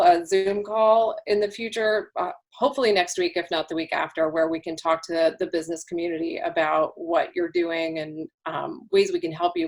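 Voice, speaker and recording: Lady on a zoom council call, kinda lowish voice, going hoarse, lots of restarts. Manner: informal, wandering, many restarts. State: losing her voice. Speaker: council member. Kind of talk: council report over video call. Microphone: video call.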